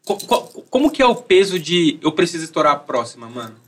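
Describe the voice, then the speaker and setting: A man's voice: a little high, big pitch swings, a little fast, fairly bright tone. A man with a São Paulo accent hosting a casual interview in heavy urban street slang. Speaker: host and journalist.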